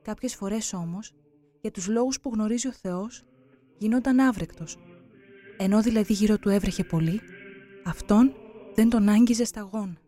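A narrator giving a solemn, measured scripted reading for a religious documentary. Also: medium pitch, dark tone.

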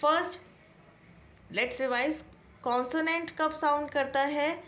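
Slow, high-voiced Indian woman teacher. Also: fairly bright tone, a little hiss or hum. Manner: slow, patient, repeats key points and asks questions back. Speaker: English teacher. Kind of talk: classroom-style explanation.

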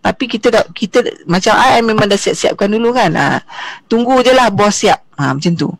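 A woman in her forties from Johor with a Malaysian accent, giving an online seminar talk in a lively way with English asides and rhetorical questions. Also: medium pitch, normal speed, dry recording. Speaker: seminar speaker.

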